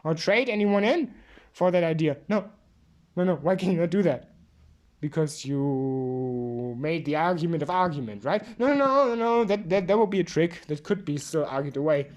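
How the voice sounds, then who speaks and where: A woman's voice: deep voice, normal speed, a little mellow. A woman giving a drunk, rambling philosophical monologue, emphatic and repeating herself.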